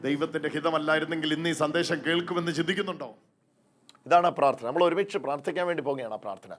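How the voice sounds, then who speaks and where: A man's voice: a little high, fairly even intonation, very fast, fairly bright tone, soft background music. A man preaching and praying aloud at a healing service in a large hall, calling out to the congregation in a fervent manner. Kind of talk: charismatic preaching and prayer.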